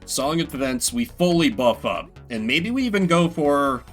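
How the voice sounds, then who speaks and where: A man with a fairly high, very animated voice commentates a game live at a moderate pace. The streamer is playful and sweary, reads bits of on-screen text aloud and chats with viewers over video game music.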